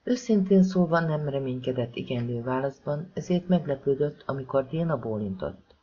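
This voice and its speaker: Audiobook narrator, husky and mellow, steady prose reading, lo-fi sound. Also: mid-range voice. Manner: calm, even reading of dialogue and prose. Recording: slightly dull lo-fi recording.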